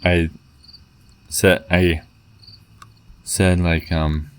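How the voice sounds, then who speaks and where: A man with a very low voice tells a long personal story, stumbling through fillers and restarts. His delivery stays level and monotone. Faint crickets chirp in the background. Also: a little hiss or hum. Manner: halting, many fillers and restarts. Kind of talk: rambling personal story, reading out chat messages.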